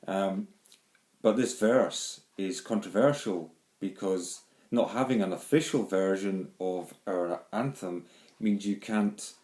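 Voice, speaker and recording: With a fairly low, somewhat mellow voice and a Glaswegian Scottish accent, a middle-aged man from Glasgow rambles on in a home video, full of ums and restarts. A handheld phone or camera picks him up in an echoey room.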